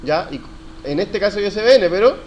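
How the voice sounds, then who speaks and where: Guy teaching coding to a class, pretty high voice, keeps quizzing students, noisy room recording. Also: lively intonation, fairly quick, darkish tone. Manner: questions the class and praises answers. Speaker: university lecturer. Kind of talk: live classroom coding lecture. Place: university classroom.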